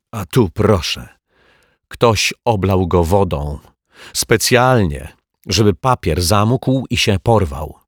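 A tearful, indignant little boy, as a male storyteller puts him on, whining in a strained, raised voice. The sound is a little husky and close, with no room around it. He comes across as upset and complaining from a children's storybook. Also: on the low side, no echo, pitched above the performer's own voice.

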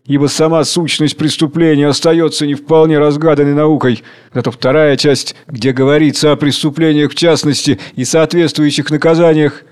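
A pompous law professor lectures a lady in pedantic, measured phrases, as a man reads him aloud. The pitch sits a bit high for a man. It is part of a read-aloud stage play. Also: flat delivery, darkish tone, smooth, natural voice.

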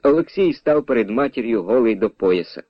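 A man reads a novel aloud in a dramatic, expressive style. His voice moves widely in pitch and sits close and dry. The radio recording has a dull, muffled sound. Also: fairly quick, husky, dry recording. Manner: expressive, varied. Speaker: narrator. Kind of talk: dramatic audiobook reading.

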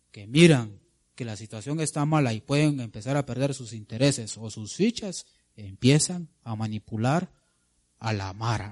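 A man's voice: medium pitch, darkish tone. A man preaching a sermon, dramatically asking the congregation questions and answering them himself.

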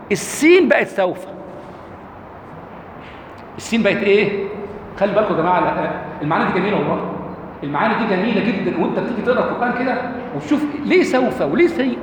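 A man's voice: high-pitched, expressive, fast talker, pauses often. A man with an Egyptian Arabic accent giving a lecture, asking his audience rhetorical questions. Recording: echoey hall, faint background noise.

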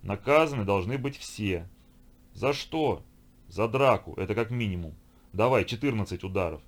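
A man's voice: on the low side, animated, normal speed. A man reading an audiobook voices a harsh, unyielding middle-aged stepfather who barks orders. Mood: stern. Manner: commanding, barking orders.

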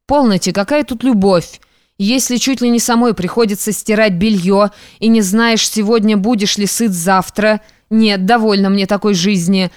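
A woman's voice: mid-range voice, brisk, darkish tone, no echo, studio quality, lightly acted. Woman reading as a cool, dismissive young woman. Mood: cold. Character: cold, pleasure-seeking young woman. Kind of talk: audiobook reading.

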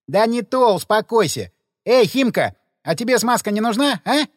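A crude, loud-mouthed mercenary in an audiobook, as a man puts him on, grumbling and jeering. He is pitched high and brash, his tone swinging widely. A long reverb hangs after each line. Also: very animated, normal speed, clean studio sound. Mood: mocking. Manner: grumbling, mocking.

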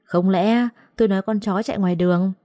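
A woman's voice: medium pitch, steady tone, brisk, dark tone, no room sound, studio quality, close to an everyday voice. A woman voicing a stubborn, defiant young servant girl who talks back to her masters. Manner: defiant, mocking.

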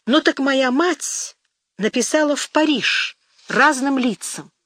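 A man's voice: very high-pitched, slow pace, a bit bright, no room sound, clean studio sound, pitched above the performer's own voice, full character voice. A woman reading the lines of an eager, earnest young man courting a girl in an audiobook.

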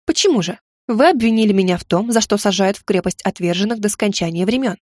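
A woman reading an audiobook gives voice to a proud young witch, sarcastic and quick to snap back. Her tone sits close to the narrator's own, recorded dry and close. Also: mid-range voice, a little mellow, no room sound, close to an everyday voice. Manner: sarcastic, snapping. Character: young witch heroine, sharp-tongued, proud.

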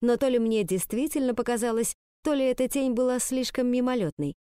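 A woman narrating a story in the first person with a lively storytelling manner. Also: a little high, a little fast, smooth, dry recording, studio quality. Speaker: audiobook narrator. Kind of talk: audiobook reading.

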